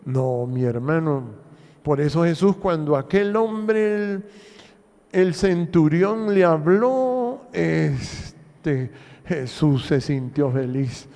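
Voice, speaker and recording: A man's voice: a little high, expressive, takes it slowly, dark tone. A man with a Honduran accent, preaching a sermon as pastor and putting rhetorical questions to the congregation in a long church reverb. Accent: Honduran Spanish. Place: church hall.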